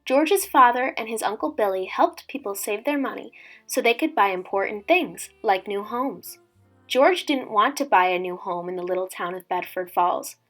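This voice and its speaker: A woman in her twenties, working as a teacher, gives a relaxed introduction and a storybook read-aloud for kids. She speaks at normal speed in a mid-range voice, with soft music playing underneath.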